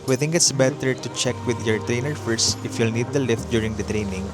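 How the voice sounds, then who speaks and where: A man's voice: mid-range voice, fairly quick. A man with a Filipino accent reading scripted voice-over narration as a travel vlogger. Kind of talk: scripted voice-over narration mixing Tagalog and English. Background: music bed.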